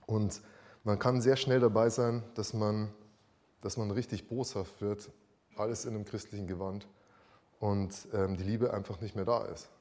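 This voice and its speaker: Male preacher, slightly low pitch, earnest and conversational, leans on repetition. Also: darkish tone. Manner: earnest, conversational, repeats key phrases. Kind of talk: sermon.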